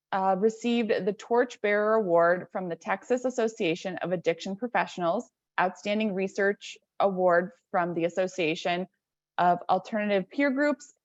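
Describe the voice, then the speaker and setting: A woman with a medium-pitched voice hosts an online webinar, delivering a prepared introduction of a speaker that is partly read aloud over a video call. The recording is dry, with slightly dull video-call audio.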